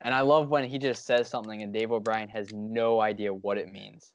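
A man's voice: on the low side, steady tone, a little fast, dry recording. Man, dry close sports-podcast voice. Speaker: podcast co-host. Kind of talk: casual sports chat.

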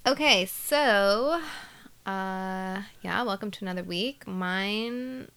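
A woman's voice: medium pitch, takes it slowly, a bit bright, clear, resonant tone. A woman co-hosting a casual podcast, who chats, laughs easily and uses lots of fillers while recapping a story. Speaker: podcast co-host.

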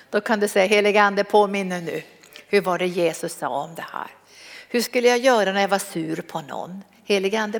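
A middle-aged woman preaching a sermon and teaching a Bible lesson, fervent and storytelling, moving between loud exclamations and soft emphasis. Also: medium pitch, creaky. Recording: reverberant hall.

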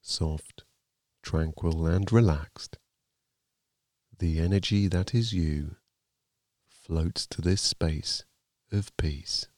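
A man narrating a guided sleep meditation like a sleep story, in a calm, soothing, gently measured manner. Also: low voice, dry recording, studio quality.

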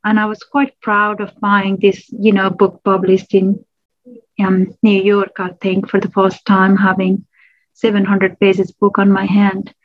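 A woman from Nepal, a public health lecturer, telling her personal story in an interview, reflective and pausing with restarts. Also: medium pitch, monotone, lo-fi sound.

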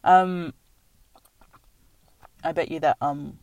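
A woman's voice: low voice, normal speed, a little mellow, no room sound, highs cut off. A woman co-hosting a casual movie chat, rambling with many fillers and laughing often, chewing as she talks. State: chewing while talking. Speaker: podcast co-host. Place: in a car.

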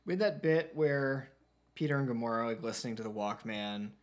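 A man's voice: mid-range voice, a little fast. A man co-hosting a casual movie discussion podcast, rambling and full of filler words. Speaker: podcast co-host.

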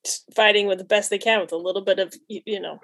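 Lady podcast host chatting casually, medium pitch, appreciative, kinda halting, really dry sound with no room. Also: steady tone, a bit bright, dry recording. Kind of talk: casual interview talk.

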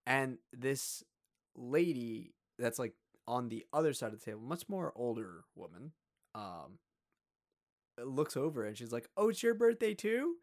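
A young man co-hosting a podcast tells a story casually and with animation, using many fillers and acting out voices for the people in it. His voice is medium in pitch and a little slow.

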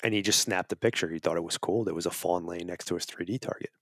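A man's voice: low voice, quick pace, fairly bright tone, dry recording, clean studio sound. A man being interviewed as a wildlife advocacy guest, talking in an earnest, persuasive way and often restarting his phrases. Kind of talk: casual interview talk.

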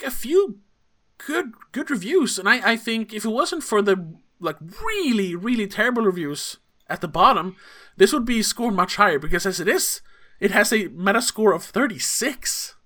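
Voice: medium pitch, expressive, moderate pace, sharp tone. A podcast co-host reviewing a film in casual chat, rambling with hesitant fillers and apologetic asides.

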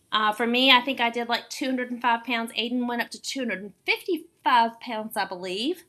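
A woman's voice: on the high side, bright, forceful tone. A woman in her late forties, hosting a casual fitness podcast as an encouraging, emphatic coach. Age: late 40s. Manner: encouraging, emphatic, repeats words for stress. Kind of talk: casual explanatory podcast talk.

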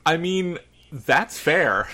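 A man reacting in casual chat, in a halting way. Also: on the high side, lively intonation, bright, forceful tone.

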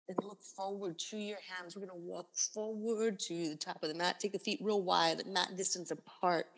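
A woman instructor guiding a yoga class with calm, unhurried cues in short, breath-led phrases. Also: fairly low pitch. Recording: long reverberant room echo.

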